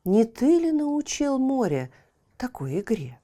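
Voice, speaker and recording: A woman's voice: sits high, very animated, slow pace, mellow, pitched above the performer's own voice, full character voice. A woman voicing a plain-spoken, earnest man from a riverside in a storybook. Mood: accusing. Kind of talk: storybook character voice.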